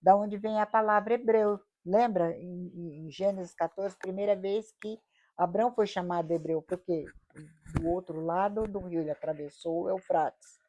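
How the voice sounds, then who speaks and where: A Brazilian woman of middle age leads a Bible study lesson in a warm, mellow voice. She explains step by step, checks in with her listeners and poses rhetorical questions as she goes. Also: fairly low pitch, fairly even intonation, moderate pace. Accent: Brazilian Portuguese. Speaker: Bible teacher.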